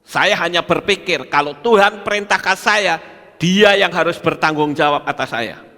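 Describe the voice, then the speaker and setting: A man's voice: a little high, pushed and bright. An older man, a pastor preaching emphatically and firing rhetorical questions at his congregation. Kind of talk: sermon. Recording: long hall reverb.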